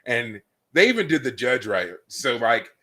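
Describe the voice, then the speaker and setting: Animated man retelling scenes on a podcast. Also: mid-range voice, normal speed. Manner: animated storyteller, acts out scenes with loud exclamations. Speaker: podcast co-host. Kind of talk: casual chat. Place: live podcast recording.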